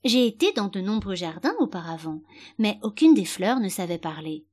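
A woman's voice: mid-range voice, big pitch swings, normal speed, darkish tone. A woman voicing a curious, polite young girl who asks earnest, wondering questions.

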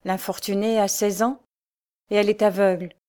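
A woman's voice: mid-range voice, fairly even intonation, normal speed, warm tone, close to an everyday voice. A woman voicing an earnest, sorrowful young girl of humble birth, reading an audiobook character with a raised, pleading delivery.

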